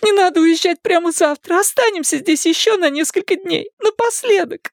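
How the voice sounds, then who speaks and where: A man's voice: normal speed, creaky, dry recording, studio quality. A male reader voicing a tearful, clingy young woman who pleads and sobs in an audiobook. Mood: sobbing. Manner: pleading, high and sobbing. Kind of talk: audiobook character voice.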